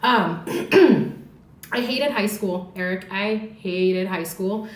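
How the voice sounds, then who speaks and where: A woman in her forties from Orange County in Southern California speaks at mid pitch, extremely slowly, in a reverberant space. She's a hairstylist appearing as a podcast guest, talking candidly and casually, laughing and swearing.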